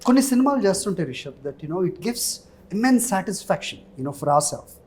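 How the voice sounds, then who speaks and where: A man's voice: high-pitched, big pitch swings, very fast, a little mellow, a little hiss or hum. A man with a Telugu Indian accent interviewing in a chatty way, switching languages and dropping in tag questions. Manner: chatty, frequent filler phrases and tag questions. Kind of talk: film interview, switching between two languages.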